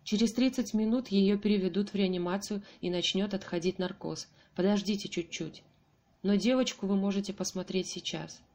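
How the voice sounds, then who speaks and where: A woman reading an audiobook voices a calm, sympathetic male surgeon who speaks in a measured, soothing way. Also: mid-range voice, close to an everyday voice.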